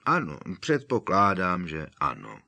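Audiobook: gentle, unhurried old headmaster, read by a man, deep. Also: huge pitch swings, creaky, exaggerated voice. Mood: calm. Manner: measured, soothing. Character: wise, calm elderly male headmaster. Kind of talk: audiobook character voice.

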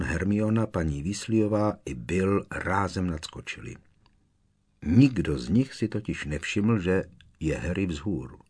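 Deep husky male audiobook narrator. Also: darkish tone. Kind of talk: scripted narration.

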